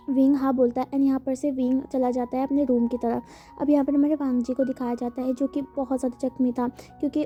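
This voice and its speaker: A woman's voice: high voice, warm tone, muffled recording. A woman casually retelling a story, chatty and full of fillers, mixing in English words.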